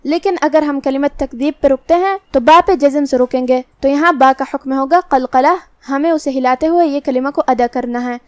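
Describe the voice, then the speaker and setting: A woman's voice: sits high, few pauses, no echo, studio quality. A woman with an Urdu accent teaching Quran recitation rules, explaining patiently and methodically, step by step. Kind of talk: tajweed lesson, explaining rules slowly.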